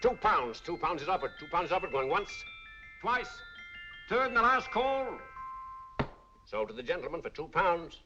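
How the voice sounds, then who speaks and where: In this 1940s film dialogue, a jovial, fast-talking middle-aged London auctioneer coaxes bids with chatty salesman patter, chuckling along in a lively, singsong pitch. He moves at a moderate pace with long pauses, his mood coaxing. The old film sound is dull, with music underneath.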